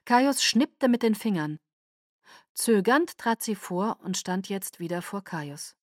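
A woman reading an audiobook aloud as the narrator, with steady, even storytelling. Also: medium pitch, slow, no echo, studio quality. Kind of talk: scripted narration.

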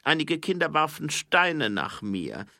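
A man acting out an old dwarf king who questions his guest slowly and loudly. His gravelly voice climbs high and swings widely as he draws out each phrase. The recording is dry and close. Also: sing-song, no echo, exaggerated voice. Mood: probing, weary. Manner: slow, high and loud, drawn-out.

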